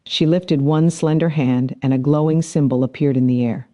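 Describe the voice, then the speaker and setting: A man narrating a science fiction story in a measured, dramatic storytelling manner. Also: a little high, steady tone, warm tone. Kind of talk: scripted narration.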